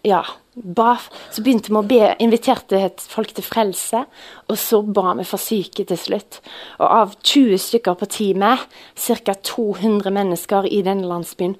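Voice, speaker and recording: Earnest woman preaching. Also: mid-range voice. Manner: earnest, storytelling, frequent filler sounds. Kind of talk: sermon with personal testimony.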